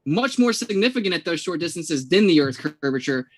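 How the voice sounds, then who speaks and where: Dude arguing in a debate, lecture-y and sure of himself, slightly high voice. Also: male voice, sing-song, a little fast, fairly bright tone. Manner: assertive, lecturing, repeats "okay". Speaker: debate guest. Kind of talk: debate argument.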